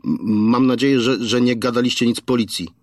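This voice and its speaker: A man's voice: mid-range voice, fairly even intonation, brisk, dry recording, clean studio sound, pitched above the performer's own voice, natural voice. A man reading an audiobook, voicing a crude male kidnapper who stammers and mocks over the phone. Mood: threatening. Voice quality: stammering, slangy and mocking.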